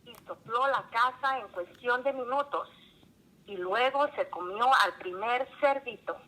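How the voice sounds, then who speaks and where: Slow, bright-voiced woman storyteller. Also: on the high side, low-quality recording. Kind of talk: children's story reading.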